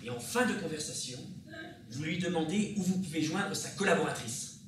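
A man's voice: a little high, animated, normal speed, lightly acted. A man acting in an amateur stage comedy, playing an impatient, bossy man who is sarcastic and exasperated. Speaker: stage actor. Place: theater stage. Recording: echoey theater from far off, loud noise.

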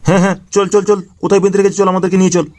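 A man voicing a hot-tempered, protective old grandfather in a cartoon, scolding and shouting. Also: high voice, flat delivery, racing, natural voice. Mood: urgent. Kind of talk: cartoon voice dubbing.

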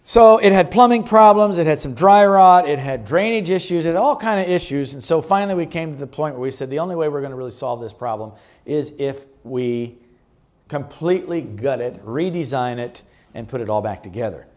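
A man giving a chatty, relaxed presentation about a health retreat to a church group, showing slides and chuckling often. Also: a little high, fairly quick. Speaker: guest speaker presenting a health retreat ministry. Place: church meeting room.

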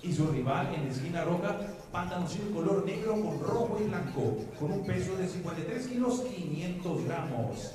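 A man's voice: high-pitched, expressive, fast talker, far from the mic. A man announcing a boxing bout in two languages over a handheld mic, theatrically stretching names like a lucha libre announcer. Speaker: ring announcer. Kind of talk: bilingual boxing ring announcing. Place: boxing ring in an indoor venue. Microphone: handheld microphone. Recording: echoey PA with long reverb and crowd.

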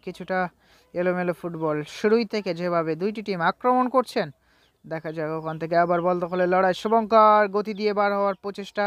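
A man's voice: high-pitched, a bit bright, no echo. A man giving live play-by-play football commentary in an announcer-like, repetitive delivery. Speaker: football commentator and channel host.

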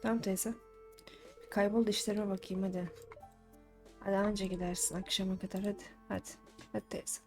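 A woman's voice: mid-range voice, flat delivery, brisk, pauses often, darkish tone. A young woman streaming a farming game, chatting to the characters and bursting into exasperated complaints. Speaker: gaming streamer. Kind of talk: live let's-play commentary. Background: faint game music.

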